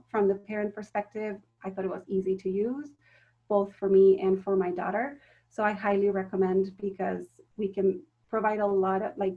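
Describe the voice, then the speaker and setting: Her medium-pitched voice is narrow, and the audio is tinny. She's a teacher trainer, a native Spanish speaker, giving teachers a recorded step-by-step explanation full of ums and self-corrections.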